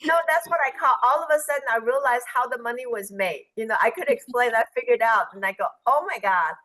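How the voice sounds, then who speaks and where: Animated woman telling a business story. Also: on the high side, fast talker, rough recording. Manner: animated, quotes people in raised voices, laughs. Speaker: guest speaker on business forum. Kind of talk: storytelling in a video call. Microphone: video call.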